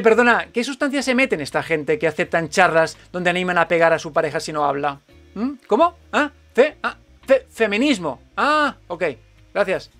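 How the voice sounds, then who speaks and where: A man's voice: sits high, fairly bright tone, no echo. A man delivering a sarcastic, scripted video commentary. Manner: sarcastic, mock-questioning. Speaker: YouTube commentator.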